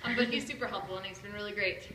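A chatty, playful vlogger in her thirties tours her large, empty new house indoors, filming on a handheld phone camera held at arm's length. She talks very fast at a medium pitch, and the echoey empty rooms come with heavy background noise.

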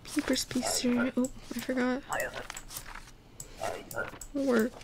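A woman's voice: high-pitched, flat delivery, takes it slowly, noisy background. A woman giving casual gameplay commentary, chatty and apologetic, thinking aloud with little giggles. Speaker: gamer. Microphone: desktop USB microphone.

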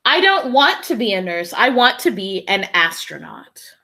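A woman's voice: mid-range voice, big pitch swings, unhurried, gravelly, pushed and bright, heavily acted. A woman voicing an earnest, wishful little schoolgirl in a storybook. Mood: determined. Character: little dreamy, eager schoolgirl.

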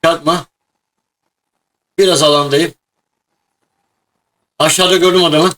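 A man hosting a gaming video, chatting excitedly and shouting at times as he plays a mobile battle game. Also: a little high, measured pace. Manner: loud, excitable, shouts during play.

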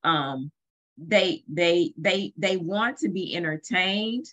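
Low-voiced woman in thoughtful discussion. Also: takes it slowly, fairly bright tone. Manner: thoughtful, repeats words while thinking. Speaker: co-host. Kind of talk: interview discussion.

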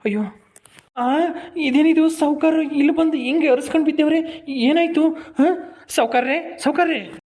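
A man's voice: very high-pitched, moderate pace, darkish tone. A man playing a loyal, blunt village servant, calling out and scolding plainly in a rustic comedy skit. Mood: searching, worried. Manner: calls out repeatedly, scolds and reassures plainly.

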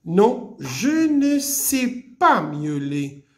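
A woman's voice: medium pitch, very animated, very slow. A woman voicing a timid little male dog in a storybook read aloud in class.

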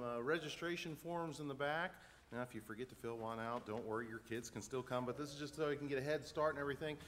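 A man's voice: fairly high pitch, fairly bright tone, slight background noise. A man giving church announcements in a chatty, loose way, full of fillers and restarts. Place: church sanctuary. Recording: long church reverb with faint ambience.

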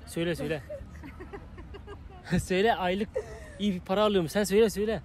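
A man's voice: sits high, brisk, darkish tone. A man in his early twenties chatting casually as a street interviewer, cheeky, flirtatious and insistent. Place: outdoor park bench by a busy walkway. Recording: busy outdoor street noise, passing crowd.

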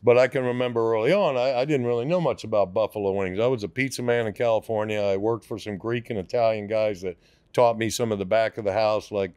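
Speaking fast in a fairly low, slightly mellow, smooth voice, a man in his sixties who owns a restaurant chats through an interview. He rambles and hesitates, full of fillers and restarts, into a studio mic on a boom arm in a podcast studio. There's no echo.

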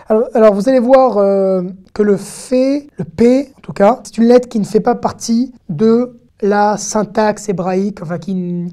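A woman giving an online lesson, chatty and lively, talking straight to her viewers with frequent "hop" and "hein" asides. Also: mid-range voice. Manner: addresses the viewer directly. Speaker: Hebrew teacher.

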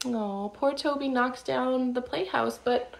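Her high-pitched voice carrying vocal fry, a storytime reader in her thirties reads a picture book to young children indoors in her living room, animated and slow with sing-song delivery and friendly asides. The phone or webcam at arm's length adds a little hiss or hum.

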